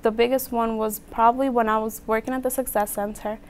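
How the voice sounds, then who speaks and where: A woman's voice: on the high side, little pitch movement, brisk, a little hiss or hum. A woman from the Dominican Republic, a student and peer tutor, speaking plainly in an interview. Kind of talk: interview testimonial.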